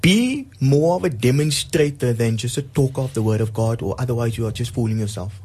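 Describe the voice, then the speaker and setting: A man's voice: mid-range voice, expressive, fairly quick, a little mellow, husky. A man with a South African accent giving casual devotional talk, earnest and emphatic, repeating words to drive his point home.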